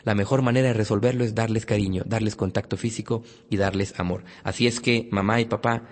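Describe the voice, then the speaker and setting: A man's voice: fairly low pitch, fairly even intonation, fast, long reverb tail. A man giving a motivational parenting talk, speaking emphatically and addressing parents directly. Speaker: parenting lecturer.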